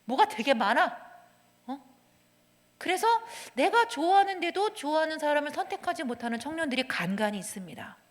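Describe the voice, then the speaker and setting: A fairly high-voiced woman counselor lectures in a church hall, her words trailing into a long reverb. She talks with lively energy, playing out little scenes of dialogue, then sinks to a hushed whisper to drive a point home. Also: brisk. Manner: lively, acts out quoted dialogue, drops to a hushed whisper for emphasis. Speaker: counselor giving a talk. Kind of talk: lecture to young adults.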